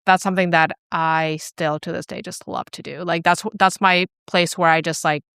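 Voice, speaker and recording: A young woman from Chile chats easily as an interview guest, sprinkling her talk with "like" and "you know." Her voice sits a little low and sounds smooth and resonant. It is recorded dry and close. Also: normal speed, no room sound. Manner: relaxed, chatty, many fillers like "like" and "you know". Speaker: client care specialist, guest. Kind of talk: casual interview chat.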